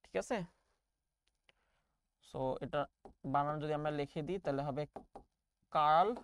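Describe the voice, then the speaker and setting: A woman's voice: low voice, unhurried, smooth, dry recording. Young lady teaching math online, walks through it step by step, dry close sound. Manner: explains step by step, calls students "baba". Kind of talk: online class lecture.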